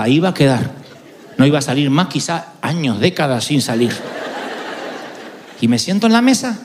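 A man with an Argentine Spanish accent preaches a humorous sermon built around a funny personal story. His voice is on the high side with a darkish tone, and he playfully acts out the voices of the people in the anecdote.

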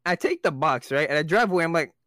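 A young man rambles through a story on a casual podcast, swearing freely and breaking into laughter. His voice sits a little high and swings widely in pitch. The mic is close and dry. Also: lively intonation, quick pace, bright, forceful tone, no room sound. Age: young adult. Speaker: podcast co-host. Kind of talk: casual chat.

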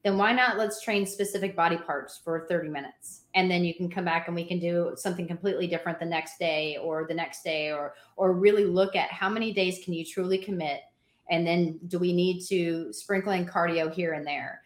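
A woman trainer giving energetic workout advice in a casual chat, laughing often. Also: fairly low pitch, a little fast, reverberant. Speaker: fitness trainer guest.

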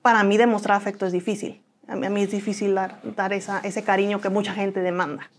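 A woman's voice: mid-range voice, little pitch movement, fast talker. A woman with a Mexican accent, a guest in an interview, telling her own story earnestly and acting out the voices of people she quotes.

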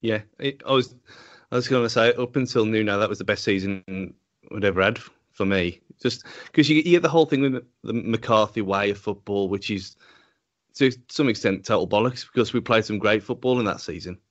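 A man co-hosting a casual football podcast, forthright and quick to laugh. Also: on the low side, lo-fi sound. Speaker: podcast co-host.

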